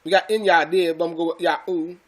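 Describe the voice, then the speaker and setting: A man's voice: fairly high pitch, little pitch movement, fast talker. A man teaching scripture to his followers in an emphatic, preachy way, repeating phrases and calling listeners brothers and sisters. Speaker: religious teacher.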